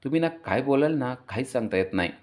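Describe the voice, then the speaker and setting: A man's voice: medium pitch, expressive, fast talker, darkish tone, pitched above the performer's own voice, natural voice. A man voicing a cheerful little girl who talks sweetly and fondly to her father. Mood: playful.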